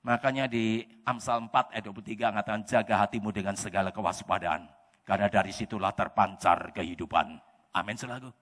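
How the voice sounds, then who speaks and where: A male pastor with a Javanese-inflected Indonesian accent preaching a sermon in church, animated and often bursting into shouts. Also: on the low side, fast talker. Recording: echoey church hall reverb.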